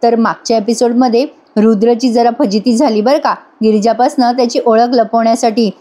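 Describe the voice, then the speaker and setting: A woman's voice: a little high, steady tone, normal speed, warm tone. A woman giving a chatty voice-over recap of a TV serial, talking straight to the viewers. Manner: chatty, addresses viewers directly. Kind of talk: casual episode recap narration.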